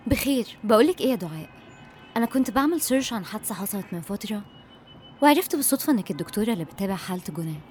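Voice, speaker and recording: A woman's voice: medium pitch, sing-song, racing, a little mellow, slight background noise, lightly acted. An actress playing a determined, persuasive woman doctor in a radio drama, with an Egyptian accent and an assertive manner. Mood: concerned, resolute. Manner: assertive, coaxing. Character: determined, persuasive female doctor investigating a mystery.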